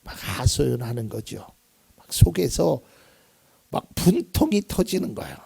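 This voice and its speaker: A male pastor preaching a sermon with passion, swinging from loud cries down to low murmurs. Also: sing-song, a little slow, gravelly, husky. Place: church sanctuary.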